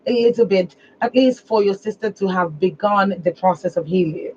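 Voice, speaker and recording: A woman's voice: mid-range voice, normal speed, a little mellow. A woman with a Nigerian accent hosting a conversational phone-in advice show on the radio. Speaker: radio call-in show host. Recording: dull lo-fi broadcast with noise.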